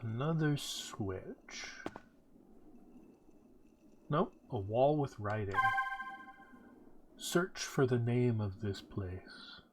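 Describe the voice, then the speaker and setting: A man's voice: medium pitch, very slow, pauses often. A man giving casual, rambling game commentary as he thinks aloud while playing. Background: game music behind the voice.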